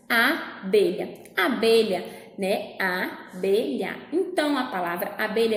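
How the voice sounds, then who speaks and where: High-voiced Brazilian teacher in echoey room. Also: female voice. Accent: Brazilian Portuguese. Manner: patient, repeats and checks with "certo?", uses diminutives. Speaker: primary school teacher. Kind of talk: explaining a worksheet to young children. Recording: echoey room with long reverb.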